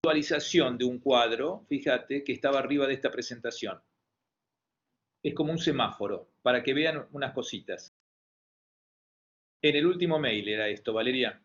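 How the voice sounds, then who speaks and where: A man with an Argentine Spanish accent gives a medical lecture over a video call, his voice sitting at an ordinary middle pitch. He talks haltingly, filling pauses and restarting his sentences. The sound is dull and lo-fi, like online call audio. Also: a bit bright. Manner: hesitant, many fillers and restarts.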